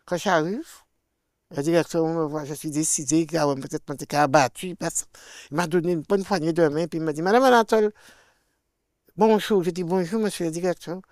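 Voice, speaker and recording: A woman's voice: sits low, moderate pace, no room sound, studio quality. Older Martinican woman telling her testimony. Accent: Martinican French. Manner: animated, acts out quoted dialogue with swings in loudness. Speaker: guest sharing a faith testimony. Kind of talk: personal testimony storytelling.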